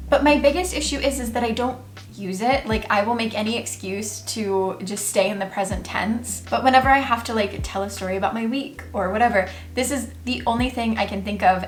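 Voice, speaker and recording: A woman's voice: mid-range voice, reverberant. A young American woman talking casually to camera about her struggles with learning French, chatty and self-mocking. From United States. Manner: chatty, self-mocking, quick bursts of talk.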